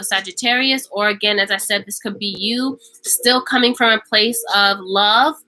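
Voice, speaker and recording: A woman's voice: medium pitch, bright, forceful tone, slight background noise, low-quality recording. A woman giving a casual tarot reading to camera. She talks emphatically and repeats phrases for stress. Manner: acts out imagined speech. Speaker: tarot reader.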